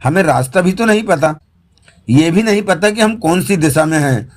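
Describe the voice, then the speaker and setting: A man's voice: a little high, expressive, moderate pace. A man doing a puzzled, questioning man. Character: puzzled man in a wild forest.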